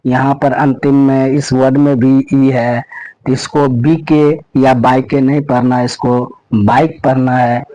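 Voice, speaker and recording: A man's voice: medium pitch, flat delivery, a little slow, mellow, no echo, dull audio. A male teacher explaining pronunciation rules step by step. He repeats himself often and keeps checking in with his students. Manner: repetitive, checks in constantly with "okay"; spells out letters and sounds step by step. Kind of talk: classroom-style lesson explanation.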